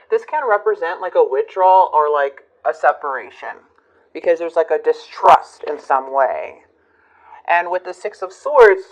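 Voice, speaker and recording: A woman reading tarot cards for her channel, talking reflectively with many fillers and pauses. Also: low voice, muffled recording. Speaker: tarot reader.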